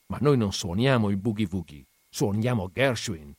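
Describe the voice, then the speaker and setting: A man voicing a proud, prickly young jazz bassist who answers with defiant sarcasm. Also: lively intonation, moderate pace, no room sound, studio quality.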